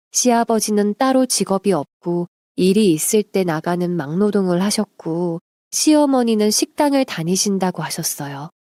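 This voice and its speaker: A woman narrating a submitted life story in an even, confiding storytelling manner. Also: mid-range voice, dry recording, clean studio sound.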